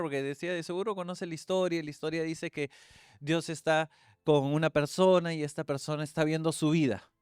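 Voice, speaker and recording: A man's voice: smooth, dry recording, clean studio sound. A man, preaching a sermon and telling stories, acting out the voices in them. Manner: storytelling, acts out quoted voices with big pitch swings.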